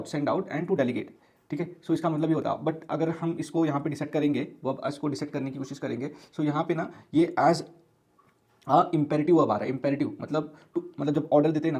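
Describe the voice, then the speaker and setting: A man's voice: fairly high pitch, a little mellow. A man giving a casual online lesson, explaining step by step with many repeats and fillers, mixing in English words. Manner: mixes English words into his talk; recites scripture slowly and melodically. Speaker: teacher.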